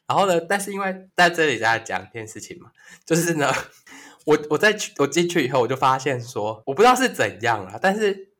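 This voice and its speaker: Animated gossipy young man. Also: on the high side, fast talker. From Taiwan. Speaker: podcast co-host. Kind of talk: casual chat.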